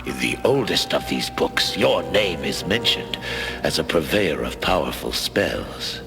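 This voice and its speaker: A man's voice: rumbling low, big pitch swings, a little slow, gravelly, music in the background, full character voice. A man playing a proud, vengeful cartoon villain lord with a pompous, declamatory delivery.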